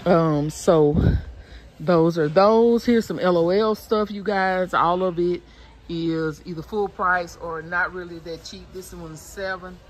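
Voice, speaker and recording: A woman's voice: fairly low pitch, takes it slowly. Chatty woman pricing toys on a phone. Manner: chatty, many ums, reading out prices. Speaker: shopping vlogger. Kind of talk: casual walk-through narration. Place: indoors in a large store aisle. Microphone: handheld phone camera.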